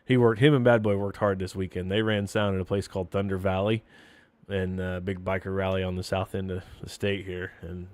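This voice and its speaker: A man's voice: low-pitched, little pitch movement, a little fast, darkish tone, no echo. A man in his thirties hosting a podcast, reading history facts between crude jokes. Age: 30s. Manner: crude, joking, laughs often. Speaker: podcast host.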